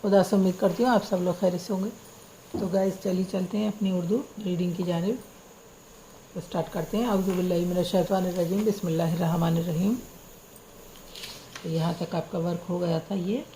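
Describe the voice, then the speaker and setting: A woman's voice: lowish voice, fairly even intonation, fairly quick, dark tone, slight background noise, rough recording. A woman teaching Urdu script, patiently spelling out words letter by letter. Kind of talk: slow spelling-out lesson.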